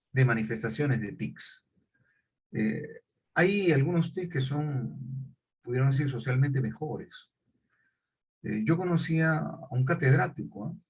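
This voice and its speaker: Husky chatty male teacher. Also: mid-range voice, takes it slowly, pauses often, darkish tone. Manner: chatty storyteller, self-correcting, laughs mid-story. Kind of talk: conversational online class.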